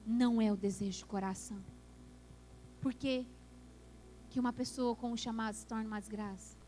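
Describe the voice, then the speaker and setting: A woman's voice: fairly high pitch, fairly even intonation, normal speed, dark tone, a little hiss or hum. A woman pastor preaching a passionate sermon that builds to emphatic peaks in a church. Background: worship music.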